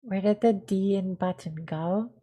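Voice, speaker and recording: Giggly, self-deprecating woman streamer from California, middle pitch, rambling casual chat. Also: a little slow, mellow, breathy edge. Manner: repeats words over and over, testing pronunciation. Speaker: live streamer.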